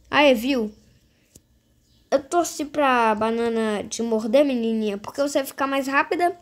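A female gaming host giving casual game commentary, talking straight to viewers and repeating phrases. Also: high-pitched. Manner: repetitive, addresses viewers directly.

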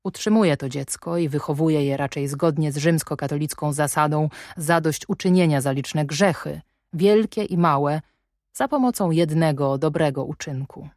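A woman reading a brooding, ironic gentleman. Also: deep voice, moderate pace, dry recording, clean studio sound. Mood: wry. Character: brooding middle-aged English gentleman, ironic and commanding. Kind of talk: audiobook reading.

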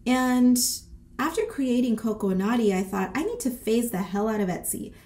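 Speaking at normal speed in a higher voice, this woman in her thirties, a boutique owner and vlogger, chats casually from a small, decorated indoor room. A cold leaves her stuffy and slightly breathless, yet she stays sassy and lively, full of slang and curses.

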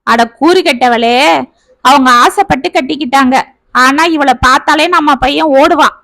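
A woman storyteller voicing a gentle, long-suffering aging village father who speaks tenderly to his children. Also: high voice, normal speed, no room sound. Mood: scolding.

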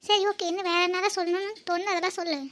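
An earnest young woman student in love, voiced by a woman for a cartoon. Her voice sits very high and her words come quickly. She talks emotionally and pleads. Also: level tone, fairly bright tone, a little hiss or hum. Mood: insistent. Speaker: narrator and lead character. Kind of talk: cartoon voice acting.

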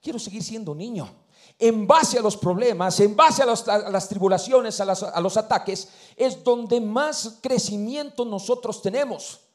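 A man preaching a sermon in a high, bright-pitched voice. He surges to loud emphatic peaks, then drops to near-whispered asides, and keeps punctuating with amen. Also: unhurried. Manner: preaching with rising bursts and hushed drops, frequent amen. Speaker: pastor.

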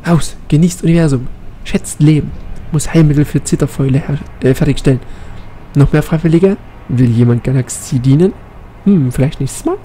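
A man's voice: fairly high pitch, normal speed, mellow, a little hiss or hum, lightly acted. A man voicing a brusque, eccentric alien scientist in clipped, terse sentences while reading game dialogue aloud.

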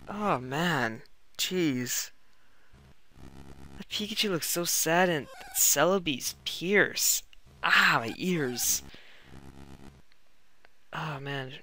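A young man commenting on a game as he plays, reacting out loud and talking to himself, his voice cracking now and then. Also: mid-range voice, gravelly, slight background noise. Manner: reacts loudly and talks to himself while playing. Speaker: let's play gamer. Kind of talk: gameplay commentary.

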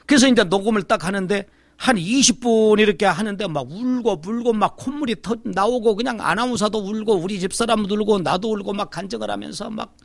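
Middle-aged pastor guy telling his story to church, acts out voices, kinda high voice, gravelly. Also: brisk, hardly any pauses, dry recording. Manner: animated storytelling, acting out voices. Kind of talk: testimony sermon.

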